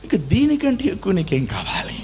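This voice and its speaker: A man preaching a sermon as pastor, swinging between loud exclamations and soft low phrases and slowing down to stress words. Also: lively intonation, slight background noise.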